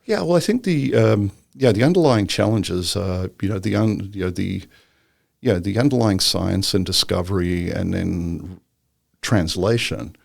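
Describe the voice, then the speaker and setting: Deep gravelly man, rambling talk. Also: a little slow, a little mellow, no echo, studio quality. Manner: rambling, filler-heavy, joking. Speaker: guest entrepreneur. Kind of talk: casual interview chat.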